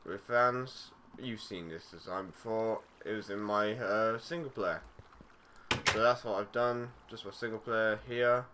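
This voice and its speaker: Steady and unhurried, a young man's low-leaning voice carries casual let's-play commentary on his gaming YouTube channel. He's relaxed and rambling, often using fillers and correcting himself, over loud background noise and clicking from the game.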